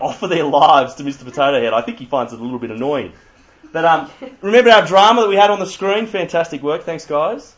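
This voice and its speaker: A young Australian man giving an interactive church talk, quizzing the audience with playful asides. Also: sits high. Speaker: youth speaker. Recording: slightly muffled lo-fi recording.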